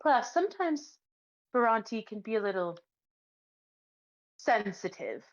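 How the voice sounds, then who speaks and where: A woman voicing a sarcastic, flirtatious evil female spirit in a tabletop game, speaking slowly and teasingly over dull audio. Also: fairly high pitch, big pitch swings, exaggerated voice. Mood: smug. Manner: teasing, smug, seductive.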